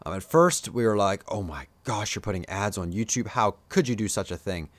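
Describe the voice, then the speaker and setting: This YouTuber has a lowish, animated voice with a Pennsylvania Dutch accent, and he talks briskly with no room sound around him. His live-stream commentary is casual and opinionated, wandering along with lots of filler words aimed at his viewers.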